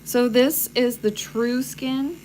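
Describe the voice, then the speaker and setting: A woman's voice: a little high, takes it slowly, a little mellow, slight background noise, poor audio. A woman tattoo artist hosting a casual livestream chat while she works, speaking frankly and laughing easily. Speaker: tattoo artist and channel host.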